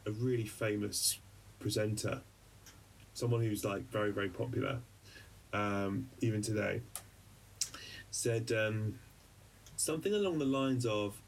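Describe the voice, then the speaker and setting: Man, podcast co-host, gravelly voice, rambling and hesitant, a bit off-mic with faint hiss. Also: lowish voice, unhurried, long pauses, far from the mic. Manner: rambling, hesitant, many fillers and restarts. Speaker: journalist. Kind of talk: casual conversational storytelling.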